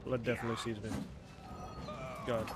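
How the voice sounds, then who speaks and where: A man's voice: mid-range voice, level tone, moderate pace. A young man streaming a game in a put-on British accent, hyper and swearing as he plays. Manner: hyper, swearing, self-mocking. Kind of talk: gaming livestream commentary. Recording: clear background noise.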